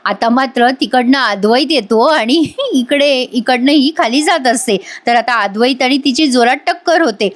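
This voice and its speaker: High-voiced woman recapping a TV serial. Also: moderate pace, few pauses, no echo. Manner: lively storytelling that speaks to viewers. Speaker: TV serial reviewer. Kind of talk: chatty episode recap voice-over.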